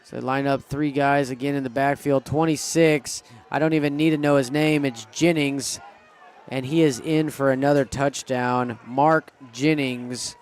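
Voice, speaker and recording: A man's voice: mid-range voice, steady tone, unhurried, clear, resonant tone. A man doing live play-by-play commentary on a school football game, eager and groaning when plays go wrong. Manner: eager, pleads with referees, groans at setbacks.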